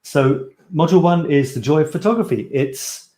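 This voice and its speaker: Speaking at a normal pace in a warm voice on the high side, a man from Scotland promotes his photography course live, the sound roomy. He comes across as keen and conversational, often fixing his wording as he goes.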